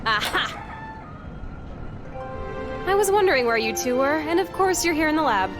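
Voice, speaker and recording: A young female scientist in a video game, teasing and bossy. Her voice is high and very lively, over music. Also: moderate pace. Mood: playful, chiding. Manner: playful, bossy, animated. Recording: loud music behind the voice.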